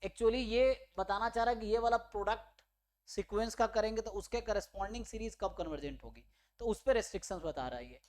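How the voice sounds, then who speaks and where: A man teaching a maths lecture for exam preparation, explaining step by step and checking in with his students. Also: sits high. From India. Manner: explains step by step, mixing English terms and checking in with listeners. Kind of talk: online exam-prep lecture.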